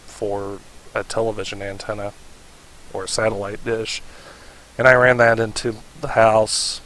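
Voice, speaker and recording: In this casual how-to tutorial, a man with a fairly low voice speaks slowly and haltingly, stopping to think, his tone barely rising or falling. A faint, steady hiss runs behind him, and the audio quality is poor.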